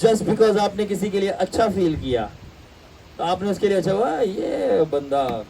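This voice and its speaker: A man teaching a Bible class, animated and storytelling, mixing English phrases into his talk. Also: high voice, far from the mic, noisy background. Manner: animated, acts out voices in anecdotes; mixes English phrases into Urdu.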